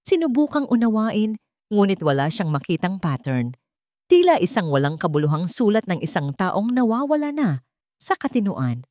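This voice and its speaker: Narrating a scripted dramatic story, a Filipino-accented woman speaks in a mid-range, darkish voice that is very animated at a moderate pace. The studio-quality recording has no room sound.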